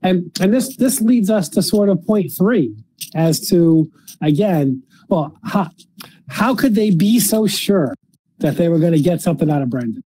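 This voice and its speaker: A man hosting a casual discussion, speaking haltingly and often repeating words as he feels out each sentence. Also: sits high, animated, mellow, low-quality recording. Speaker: podcast host. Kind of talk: casual discussion of a criminal case.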